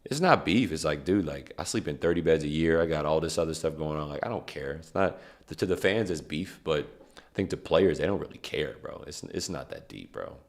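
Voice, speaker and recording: A man's voice: a bass voice, expressive, a little fast. A young man hosting a streamed show, talking in loose, rambling slang and often stopping to correct himself. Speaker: podcast host. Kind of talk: casual chat.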